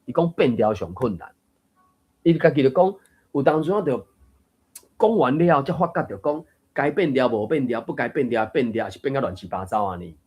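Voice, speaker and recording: A man's voice: medium pitch, lively intonation, normal speed, a little mellow, husky. A man hosting a casual online reading group, explaining grammar points in a musing, chuckling way. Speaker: host of a Taiwanese reading group. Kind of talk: casual discussion of a book reading.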